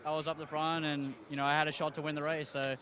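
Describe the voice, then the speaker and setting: A young male racing driver talking in a relaxed way in a post-race interview. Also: fairly high pitch, quick pace, crowd noise. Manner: relaxed, laughs lightly.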